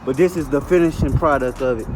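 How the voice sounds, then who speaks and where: A man's voice: medium pitch, fast talker, background noise. A man casually chatting in slang while working on his car outdoors, filmed on a phone camera. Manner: laid-back, slangy, chatty. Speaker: car vlogger. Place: outdoors beside a car in the cold.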